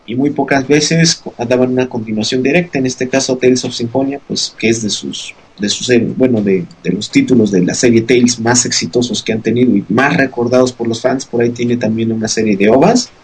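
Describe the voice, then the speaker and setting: A man's voice: mid-range voice, a little fast, hardly any pauses, breathy edge, poor audio. A man co-hosting a podcast, explaining game news in a rambling casual way with many fillers. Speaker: podcast co-host. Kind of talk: casual news segment chat.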